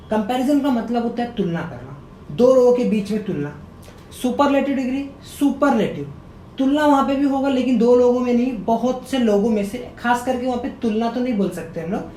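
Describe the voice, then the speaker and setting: Sounding words out slowly and echoing key terms as questions to his viewers, a male teacher delivers a grammar lesson in a dark tone. Faint rumble and echo fill the room.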